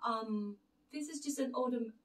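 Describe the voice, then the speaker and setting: Her voice is on the high side and fairly bright, at a moderate pace: a middle-aged woman from the Philippines, Tagalog her first language, with a Filipino accent. Hosting her channel from a living room with a lit Christmas tree, she gives a rambling, earnest faith talk with many fillers and restarts, picked up by a camera mic across the room.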